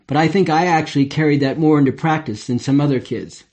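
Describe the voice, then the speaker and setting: A man's voice: fairly high pitch, quick pace, a little mellow. An older man reading his memoir aloud in a wry, reflective way. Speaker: memoir narrator.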